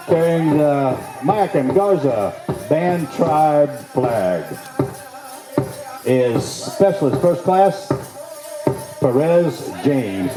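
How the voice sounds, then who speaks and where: A man working as a powwow emcee, announcing the grand entry to the crowd in a folksy, showman's manner with drawn-out phrases. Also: fairly high pitch. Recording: echoey PA sound with music behind.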